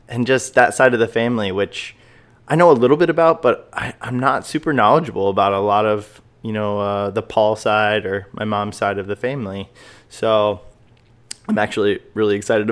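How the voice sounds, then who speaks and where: A man's voice: lowish voice, normal speed, smooth. A man hosting a casual podcast interview, upbeat and enthusiastic, with frequent fillers. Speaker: podcast host.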